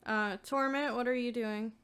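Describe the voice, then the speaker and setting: Smooth-voiced young woman running a tabletop game. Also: fairly high pitch, fairly even intonation, moderate pace, a bit bright. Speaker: dungeon master.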